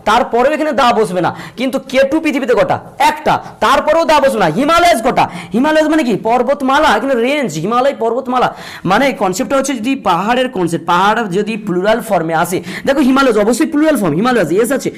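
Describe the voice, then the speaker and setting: A man teaching a grammar lesson, repeating points and slowing down to spell out examples. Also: very high-pitched, expressive. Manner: repetitive, drills points, slows to spell out examples. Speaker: English teacher.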